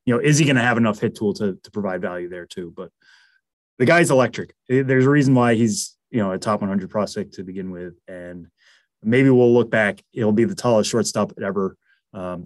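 Guest analyst, male, Massachusetts accent, chatty and restarting sentences, lower register, dry mic. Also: dry recording. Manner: chatty, frequent fillers and restarts. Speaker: baseball prospect analyst. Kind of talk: casual podcast interview.

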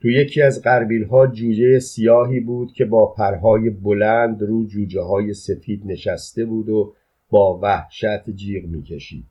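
A man reading a short story aloud in the first person, calm and even, in colloquial speech. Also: fairly low pitch, slightly rough. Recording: dull lo-fi recording.

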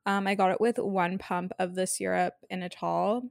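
A woman's voice: lowish voice, flat delivery, normal speed, gravelly, dry recording, clean studio sound. A woman hosting a casual solo podcast from her bed, chatting informally with girly slang. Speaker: podcast host. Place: on a bed indoors.

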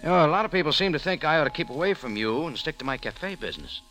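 Acting as a tough, wry American cafe owner who turns sleuth, a man in a 1940s radio drama speaks with an American accent and clipped, hardboiled delivery. His fairly high voice is bright and forceful, quick, with lively intonation and a probing, cool mood. The vintage broadcast, with music, sounds rough.

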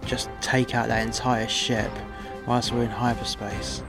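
A man acts out a gung-ho starship captain for an audio drama. He is commanding yet informal, reckless and cocky, swearing freely. Music plays clearly behind his voice. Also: mid-range voice, level tone, unhurried, natural voice. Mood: cocky, explaining.

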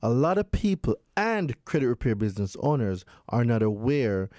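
A man with a Jamaican accent speaks in a mellow, dark tone at a middle pitch. He explains conversationally and emphatically, like an expert teaching his listeners. The sound is close and dry. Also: very animated, normal speed, no room sound. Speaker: guest credit expert.

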